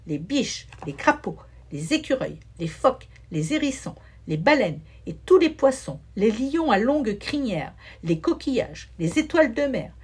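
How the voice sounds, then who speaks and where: Husky woman reading a children's story. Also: on the high side, a little slow, hardly any pauses. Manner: expressive, rhythmic listing.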